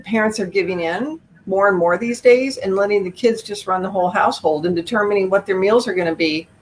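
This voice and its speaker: A middle-aged woman talks through a video call as an author in a conversational live chat. She is frank and opinionated and stresses her points with emphasis. Her pitch sits in an ordinary middle range, and a faint hiss runs under her voice. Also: a little fast, poor audio. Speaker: author guest.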